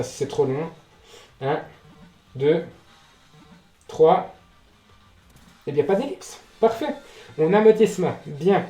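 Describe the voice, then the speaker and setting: Hosting a casual gaming let's play, this man has a mellow voice pitched in the middle range. He swears, reacts out loud, and talks to the game itself while music plays in his echoey room.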